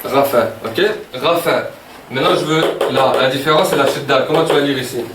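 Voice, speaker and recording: A medium-pitched man talking a little fast leads a beginners' Arabic classroom lesson, repeating words frequently and asking "ok?" to check understanding. His voice comes from a distance in an echoey room, with a noisy background.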